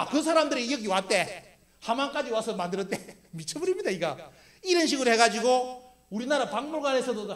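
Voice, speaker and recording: Emphatic fast-talking man lecturing. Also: high-pitched. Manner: rhetorical questions answered himself, emphatic. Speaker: lecturer for a history civic group. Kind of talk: public history lecture with slides.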